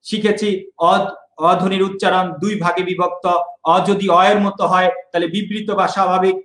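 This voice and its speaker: A man's voice: high voice, reverberant, low-quality recording. A young man from Bangladesh, teaching an online exam-prep lesson and repeating key points.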